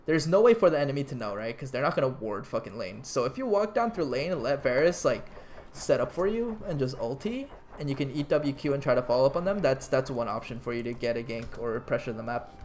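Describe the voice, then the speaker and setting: A man's voice: medium pitch, animated, brisk, darkish tone, slight background noise. A man casually coaching a player through a game replay, talking in loose, restarting sentences. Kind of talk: casual gameplay analysis commentary.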